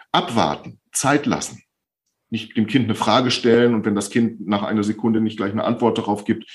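A man who works as a speech therapist, calmly and patiently explaining as a podcast guest, often repeating phrases to stress them. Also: on the low side. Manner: calm, patient explaining with frequent repetitions.

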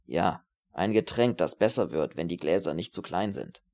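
A man voicing a terse, grim male refugee, speaking a bit lower than his narration, with a dry clipped manner. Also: expressive, normal speed, darkish tone.

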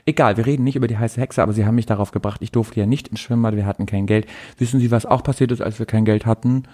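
A man's voice: on the low side, fairly even intonation, rapid-fire, warm tone. A man co-hosting a comedic podcast, telling stories in a playful way and laughing often. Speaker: podcast co-host. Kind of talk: casual comedic chat.

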